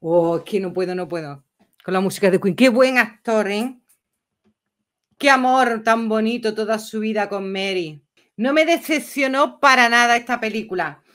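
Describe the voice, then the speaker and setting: A woman's voice: on the high side, normal speed, a bit bright. A woman, chatting casually and rambling through a livestream as host. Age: 50s.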